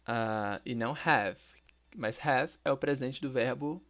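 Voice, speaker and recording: In a recorded English lesson, a man speaks slowly and deliberately, repeating each example phrase so learners can keep up. His medium-pitched voice is fairly bright, with a gravelly, fry-laden edge.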